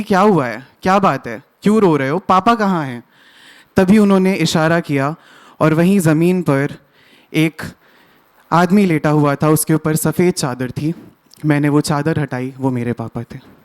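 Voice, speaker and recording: A young man telling a personal story at an open mic, in a soft, slow and heartfelt way. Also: a little high. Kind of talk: emotional storytelling performance.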